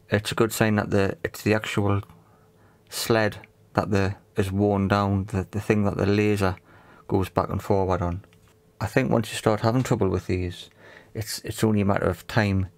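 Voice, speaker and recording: Fairly low and marked by clear vocal fry, this man's voice has the easygoing, matter-of-fact tone of someone presenting a repair video. He pauses at times while searching for what to say.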